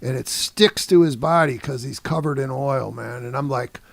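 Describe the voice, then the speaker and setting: A man in his sixties from the Detroit area, a guest musician telling an animated story in a casual interview, laughing often and dropping "man" and "you know". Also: medium pitch, normal speed, vocal fry, dry recording.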